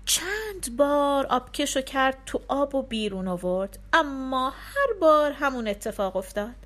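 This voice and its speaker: A woman narrating a folk tale for listeners, expressive and acting out the characters. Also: high voice.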